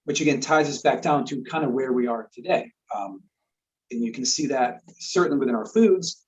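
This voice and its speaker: Heard in slightly dull lo-fi, a male guest expert speaks at normal speed with medium pitch, earnestly explaining a topic in casual conversation. He repeats words often and checks understanding with "right?".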